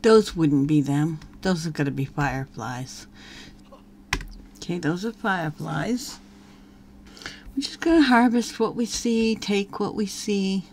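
A woman's voice: on the low side, lively intonation, unhurried, long pauses, a little mellow, slight background noise. A woman giving casual gameplay commentary as a let's play host, chatting and talking to her game characters as she plays.

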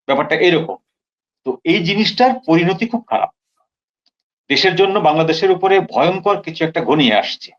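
Serious guy talking politics over an echoey call, dull lo-fi sound, highish voice, repeats stuff for weight. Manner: grave, emphatic, repeats for stress. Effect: echo on his remote call line. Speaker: political commentator guest. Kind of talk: talk-show political commentary. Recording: dull lo-fi remote call with echo.

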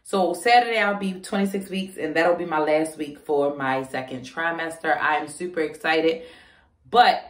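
A chatty woman with a lowish voice talks to her viewers in a casual pregnancy vlog, slightly short of breath. She sits back from the mic, and the room rings around her. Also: moderate pace, distant mic. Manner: chatty, addresses viewers as y'all. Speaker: vlogger. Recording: roomy sound, voice away from the mic.

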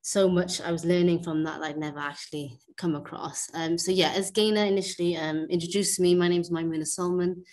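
A young woman raised in Wales, speaking softly and hesitantly with many fillers as a guest speaker on a video call, a little nervous. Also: lowish voice, steady tone, brisk, few pauses. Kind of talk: casual spoken introduction. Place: indoor room at home. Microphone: wired earphone mic on a video call.

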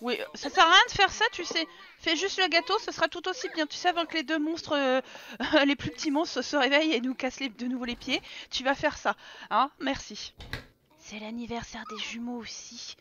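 A woman's voice: sits high, fairly quick, sharp tone, highs cut off, slight background noise. A young French woman hosting a life-sim let's play, exasperated, swearing, laughing and scolding her characters. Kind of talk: casual gaming commentary.

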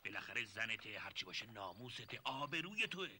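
An actor playing a sly, smooth-talking older relative who coaxes and confides in hushed tones in a 1970s TV drama. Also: male voice, fairly low pitch, big pitch swings, a little hiss or hum, heavily acted. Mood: coaxing.

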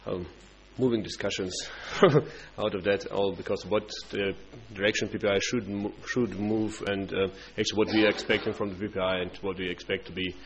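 Halting man, low voice. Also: level tone. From Russia. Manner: halting, many fillers and restarts. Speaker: party international coordinator. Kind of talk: conference speech. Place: conference hall. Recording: dull conference-room recording with faint hum.

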